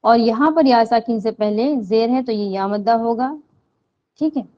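A woman teaching Quran recitation rules, explaining slowly and answering her own questions, with drawn-out chanted recitation of verses. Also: on the high side, lo-fi sound. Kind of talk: slow step-by-step tajweed lesson.

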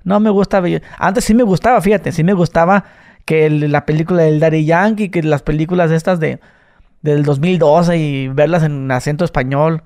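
A man's voice: on the high side, fairly even intonation, moderate pace, a little mellow. A Mexican man hosting a podcast, chatting casually in heavy slang and acting out voices he quotes. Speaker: podcast host. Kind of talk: casual chat.

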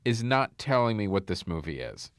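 A man's voice: on the low side, sing-song, moderate pace, no echo, studio quality. A man co-hosting a casual comedy film podcast, laughing often and restarting his sentences. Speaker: podcast co-host.

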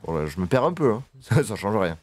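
A man giving casual gameplay commentary, excitable and swearing, chatting to his horse as he plays. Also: on the low side, brisk. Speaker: gaming video creator.

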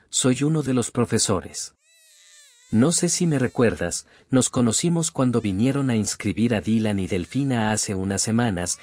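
A performer voicing a friendly male daycare teacher who talks in a calm, reassuring way. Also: mid-range voice, close to an everyday voice. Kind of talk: game role-play acting.

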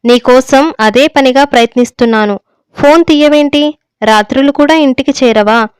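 A woman voicing an aging village father who scolds and pleads with his son. The figure is hurt and stern, and she rebukes in a steady story reading. Her voice stays high, clear and smooth, in a dry close recording. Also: normal speed, no echo, lightly acted. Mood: reproachful.

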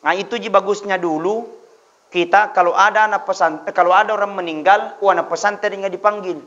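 A male preacher, his voice very high and bright. He tells stories in a chatty way, then lifts into loud exhortation. The audio is dull and lo-fi. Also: fairly even intonation, brisk. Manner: storytelling, shifts between chatty asides and loud exhortation. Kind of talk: humorous sermon.

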